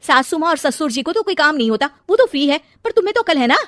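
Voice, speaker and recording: Casting: woman playing a shrill, bossy middle-aged mother-in-law in a cartoon story, dry close sound. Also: very animated, quick pace, a bit bright, no echo. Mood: scolding. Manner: shrill scolding.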